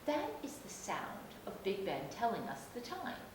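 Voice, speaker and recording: A woman's voice: wildly swooping pitch, a little slow. A woman voicing a grand, gracious, commanding Queen while reading a storybook to a toddler. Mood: matter-of-fact. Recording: echoey room, distant mic, noisy rumble.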